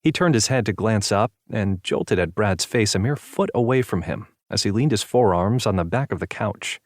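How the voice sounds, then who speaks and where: A man narrating a romance audiobook in a steady, even storytelling manner. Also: on the low side, moderate pace, dry recording, studio quality. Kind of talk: scripted narration.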